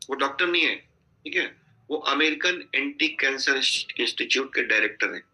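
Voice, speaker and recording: A man's voice: medium pitch, sharp tone, rough recording. A man coaching a sales team on a video call, giving instructive advice and often checking that listeners follow. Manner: instructive, repeatedly checking in with "theek hai?".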